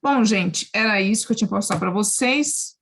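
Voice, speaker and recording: A woman's voice: mid-range voice, moderate pace, creaky, fairly bright tone, slight background noise. A woman, telling a personal story in casual chat on a video call and acting out the voices she quotes. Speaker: spiritist talk speaker.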